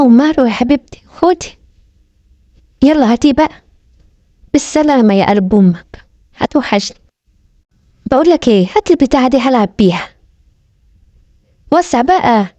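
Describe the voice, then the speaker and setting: A woman's voice: sits high, dark tone, no room sound, muffled recording. A woman with an Egyptian accent doing comic voice-overs for animal clips in playful, bantering colloquial speech. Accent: Egyptian Arabic. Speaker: comic voice-over dubber.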